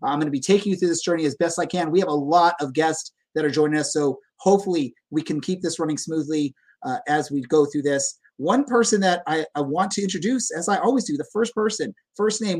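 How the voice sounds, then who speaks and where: A man's voice: a little high, fast talker, hardly any pauses, darkish tone, slightly rough. A man casually hosting a soccer podcast, chatty, informal and rambling. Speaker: podcast host.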